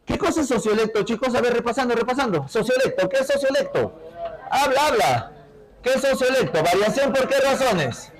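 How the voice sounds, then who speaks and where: A man with a notably high-pitched voice teaching a class with a Peruvian accent. He keeps the lesson moving with rapid questions and tag checks, prodding his students to speak up and answer. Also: animated, rough recording. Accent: Peruvian Spanish.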